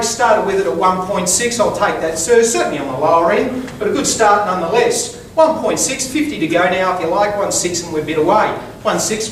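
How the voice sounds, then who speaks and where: An Australian man working as a real estate auctioneer, calling bids in a projected, insistent, repetitive patter with polite address to bidders. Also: high-pitched. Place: live auction before bidders. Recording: echoey, distant mic, faint background noise.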